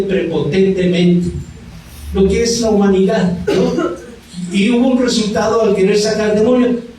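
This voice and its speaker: A man preaching a sermon with animated, rising and falling emphasis in a church. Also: high voice, slight background noise. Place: church hall. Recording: very echoey hall, mic far off.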